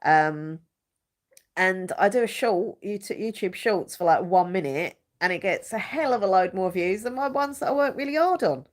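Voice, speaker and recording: This young woman, hosting a YouTube live chat, has a medium-pitched voice and a blocked-up nose. She talks at a moderate pace, animated and rambling, often searching for words and filling gaps with fillers.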